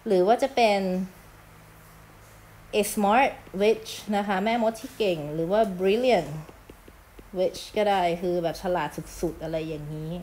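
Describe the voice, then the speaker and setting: A woman English teacher, from Thailand, explaining a lesson in a chatty manner, reading English phrases slowly and clearly, with polite endings and casual asides. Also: medium pitch, lively intonation, darkish tone, a little hiss or hum.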